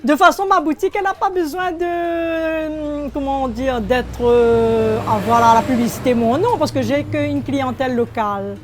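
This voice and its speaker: An older woman in her sixties from Réunion, speaking, recalling her life as a shopkeeper in an unhurried, hesitant way. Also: sits high, a little mellow. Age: 60s. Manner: unhurried, hesitant, searching for words. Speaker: shopkeeper interviewee. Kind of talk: oral history interview.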